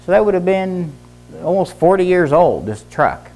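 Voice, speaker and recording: A man's voice: sits high, sing-song, normal speed, darkish tone. A middle-aged man preaches at a church service, his delivery earnest and built on stories. He drives his points home by repeating short phrases, like a teacher who has told these stories before. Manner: earnest storytelling with emphatic repetition. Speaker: pastor and teacher, former physician. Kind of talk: sermon.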